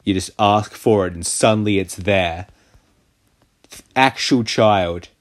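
A man's voice: lowish voice, slow pace. A man doing casual gameplay commentary, sarcastic and crude, mocking the game. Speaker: gaming channel host. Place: voice-over of a mobile game.

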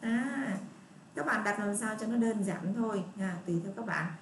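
A woman teacher leads young children through a reading lesson, slow and patient, saying each word again and again. Her voice sits a little away from the microphone. The room is echoey, with a faint hiss behind her. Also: mid-range voice, far from the mic. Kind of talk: online first-grade lesson.

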